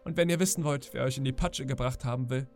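A man's voice: medium pitch, fast talker, faint music behind, close to an everyday voice. A man voicing a defiant young ship's boy. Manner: trembling then bold and heated.

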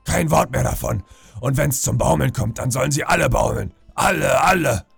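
A man acting out a gruff, volatile old sea captain who barks his words. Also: medium pitch, normal speed, a bit bright, no echo, faint music behind, heavily acted. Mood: furious. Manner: barking, commanding.

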